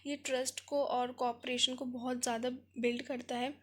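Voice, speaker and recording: A woman with an Indian accent gives an exam revision lecture in a high voice. She explains each point in Hindi mixed with English terms. She reads every heading out slowly before going on. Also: level tone. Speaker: teacher.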